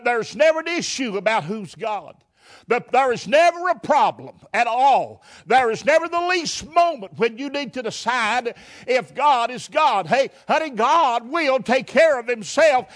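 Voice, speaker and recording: High-voiced man preaching fervently. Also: lively intonation, unhurried, a bit bright. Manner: fervent, folksy, rhetorical questions, repeats words. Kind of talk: sermon.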